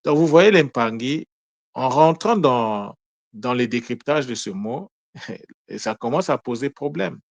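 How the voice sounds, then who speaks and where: A man of middle pitch teaches in a deliberate, explaining way, putting questions to his listeners and then answering them. He stops to correct himself now and then. The sound is dry and close. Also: expressive, creaky, no room sound, lo-fi sound. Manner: corrects himself mid-sentence. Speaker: teacher of Kikongo word meanings. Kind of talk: explanatory lesson talk.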